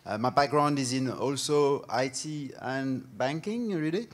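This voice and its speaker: A man's voice: medium pitch, unhurried. Earnest man speaking on a panel. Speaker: panelist, startup founder. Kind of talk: conference panel discussion.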